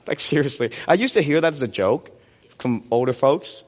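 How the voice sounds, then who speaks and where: With a medium-pitched, animated voice at a moderate pace, this man preaches a sermon built on personal stories and self-answered questions. He is in his forties, from the United States, and speaks Vietnamese natively. The recording has a long hall reverb.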